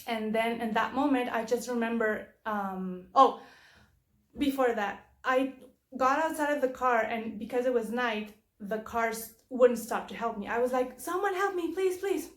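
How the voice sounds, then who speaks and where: A woman shares her faith stories in a loose, conversational way. She often stops and restarts her sentences. Her voice sits a little high, and the room adds a noticeable echo. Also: steady tone, unhurried, fairly bright tone. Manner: rambling storytelling with many restarts. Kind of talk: casual personal testimony. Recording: roomy echo.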